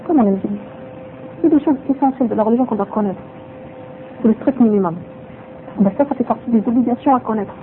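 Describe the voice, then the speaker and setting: This man teaches a religious lesson, repeating himself for emphasis and dropping in Arabic phrases. He speaks fast in a very high-pitched voice, pausing often. Faint noise runs under a tinny, phone-like sound.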